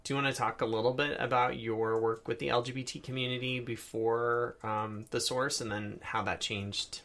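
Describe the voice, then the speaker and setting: A podcast host speaks at an even, mid-range pitch. The host asks open questions in an encouraging way, with the occasional "um" and "like". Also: moderate pace. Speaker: podcast host, program staff. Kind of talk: casual interview talk.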